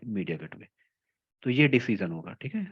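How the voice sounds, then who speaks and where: Man teaching a technical class, slow and repetitive. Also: on the low side, lively intonation, slightly rough, muffled recording. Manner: explains slowly in Hindi mixed with English terms, checks in often with "theek hai". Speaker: telecom trainer. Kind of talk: technical lecture.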